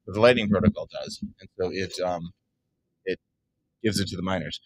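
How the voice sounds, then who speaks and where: A man with a somewhat low voice talks through a technical point in casual panel chat. He hesitates often, filling gaps with "um" and "uh" as he explains to a live audience. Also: steady tone, a little fast, slight background noise, rough recording. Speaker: co-host explaining Bitcoin. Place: event space with live audience.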